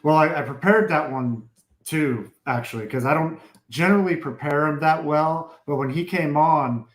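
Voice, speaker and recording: A man's voice: fairly high pitch, moderate pace. A male podcast host in casual chat, rambling and often correcting himself. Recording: roomy echo.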